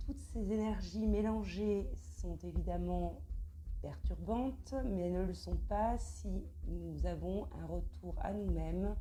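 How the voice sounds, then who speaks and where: A woman guiding a meditation, speaking softly and close to the ear. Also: lowish voice, slight background noise. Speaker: meditation guide. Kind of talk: spoken introduction to a guided meditation.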